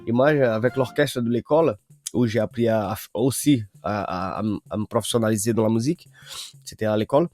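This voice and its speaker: A man's voice: mid-range voice, brisk, darkish tone, no echo, studio quality. A man from northern Brazil, a native Portuguese speaker, talking as a guest musician in a radio interview, hesitant with many fillers and restarts.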